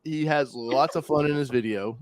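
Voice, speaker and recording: A man's voice: medium pitch, moderate pace, dry recording. A man hosting a casual live car talk show, loose and rambling, thanking viewers and bringing in a guest. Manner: loose, rambling, with restarts and laughs. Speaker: podcast host.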